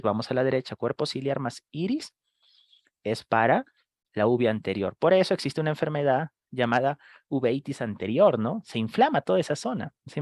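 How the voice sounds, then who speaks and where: A man teaching a live online medical class, firing quick questions at students and acting out screaming patients. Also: mid-range voice, dry recording, clean studio sound. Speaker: medical lecturer.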